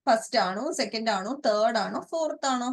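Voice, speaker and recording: Animated, a little high, and with some vocal fry, this Malayali-accented woman prepares students for an exam in English grammar and vocabulary. She frequently questions them, repeating words slowly and spelling them out.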